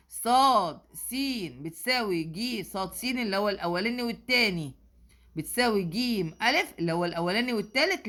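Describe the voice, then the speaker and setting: A woman's voice: medium pitch, fairly bright tone. A woman with an Egyptian accent, a math teacher working through exam questions and checking in with students often. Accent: Egyptian Arabic. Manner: patient, asks "okay?" often. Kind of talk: explaining exam answers.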